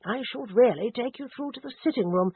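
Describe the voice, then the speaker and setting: A woman narrator voicing a mild, apologetic older male vicar with a refined, soft-spoken manner. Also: on the high side, animated, fairly quick, husky, pitched above the performer's own voice. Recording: dry, narrowband phone-like audio.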